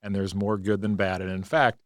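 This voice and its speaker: A man co-hosting a podcast, telling stories in a relaxed conversational way and acting out the quotes. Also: sits low, moderate pace, no echo, clean studio sound. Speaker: podcast co-host. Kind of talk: reflective conversational storytelling.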